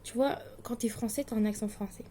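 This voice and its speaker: A teenage girl from Switzerland talks casually to her viewers from her study desk at home, her voice mellow and a little high. She hesitates often, fills pauses, and sounds anxious and self-deprecating. A faint hiss sits under the recording. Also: fairly even intonation. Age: late teens. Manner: chatty, hesitant, with many fillers and restarts. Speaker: distance-learning student vlogger. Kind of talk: casual chat to camera.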